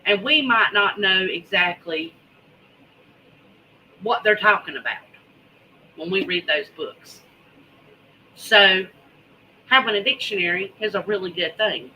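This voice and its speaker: A woman hosts a casual livestream. Her voice is very bright and forceful, and she takes her time, drawling and repeating words for emphasis. There is some noise behind her. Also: medium pitch, a little slow, long pauses, rough recording. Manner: folksy, drawling, emphatic repetition. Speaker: host of a homesteading preparedness vlog.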